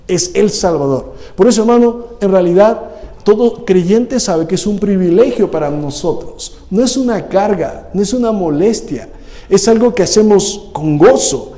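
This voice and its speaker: A man delivers a lively church sermon, pressing the congregation with question after question. His voice sits high but sounds mellow and dark in tone. Long church-hall reverb trails behind every phrase. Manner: animated preaching, rhetorical questions to the congregation. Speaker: pastor. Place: church service.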